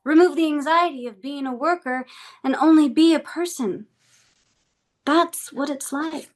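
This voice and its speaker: At a live table read of a TV script, a woman with a high-pitched voice plays a cool, controlled, persuasive corporate boss, giving measured, deliberate speeches.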